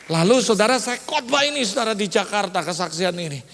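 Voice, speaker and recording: A male pastor preaching a sermon, mixing in English phrases and building up to loud, emphatic lines. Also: high-pitched, expressive, fairly quick, gravelly, big-room sound, a little hiss or hum.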